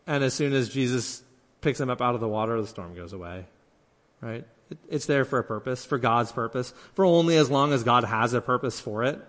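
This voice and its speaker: A man's voice: medium pitch, long reverb tail. A man preaching a sermon in an earnest way, acting out the lines he quotes and often restarting his words. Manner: earnest, acts out quoted speech, many restarts.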